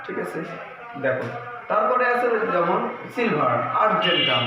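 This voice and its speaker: A man teaching a class, explaining slowly and asking questions that he answers himself. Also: high-pitched, big pitch swings. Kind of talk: classroom lesson. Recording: echoey room, slightly dull sound with faint noise.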